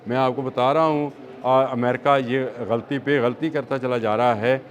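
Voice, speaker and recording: A man's voice: mid-range voice, fairly even intonation, unhurried, slight background noise. A man with a Pakistani Urdu accent giving emphatic, repetitive news analysis in a studio discussion, with hesitant fillers.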